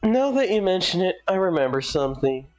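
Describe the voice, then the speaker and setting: A streamer voicing a sarcastic woman bartender who answers in a dry, deadpan way, in live fan voicing of a game. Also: mid-range voice, brisk, faint music behind, lightly acted.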